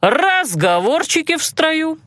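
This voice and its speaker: A woman's voice: mid-range voice, big pitch swings, normal speed, a bit bright, dry recording, studio quality. A woman reading an audiobook voices a stern male magic instructor who barks commands and makes sarcastic remarks. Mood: stern commanding.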